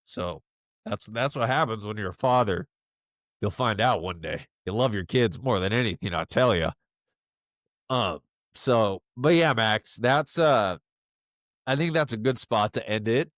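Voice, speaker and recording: In a personal video message, a father speaks directly to his young son, choked up, halting, and emotional, using many fillers as he searches for words. His lowish, slightly bright voice moves very slowly and unhurriedly. The sound is dry and close, with no echo or room around it.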